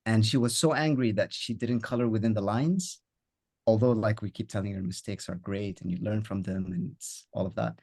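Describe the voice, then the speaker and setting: A father speaking as a podcast guest, earnest and thoughtful, often pausing and restarting his sentences. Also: lowish voice, gravelly, a little mellow. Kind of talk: reflective podcast conversation.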